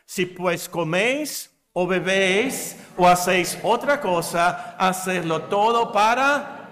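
A man preaches to his congregation with a fairly high, emphatic voice. He acts out the people he quotes as he goes. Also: a bit bright. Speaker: pastor. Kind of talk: sermon. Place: church.

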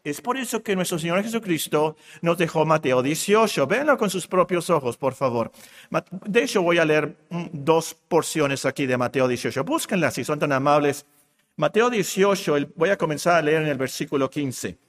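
A man's voice: on the high side, lively intonation, moderate pace, big-room sound. A man preaching a sermon to his congregation, reading scripture aloud and explaining it as he goes. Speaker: pastor.

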